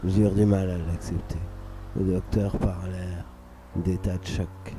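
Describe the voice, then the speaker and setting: A man reading a scripted dramatic story for radio in a measured, solemn, literary way. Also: low-pitched, level tone, noisy background. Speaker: narrator. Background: music under the voice.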